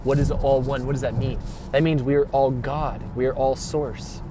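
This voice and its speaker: This spiritual vlogger rambles through an emphatic, slang-heavy monologue, cursing freely, repeating himself and tossing out rhetorical questions. His medium-pitched voice stays level at a moderate pace over a noisy background.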